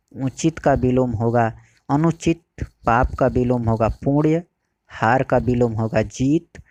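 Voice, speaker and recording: A man teaching a Hindi exam-prep lesson, explaining slowly and repeating key phrases. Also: mid-range voice, a little mellow, dry recording.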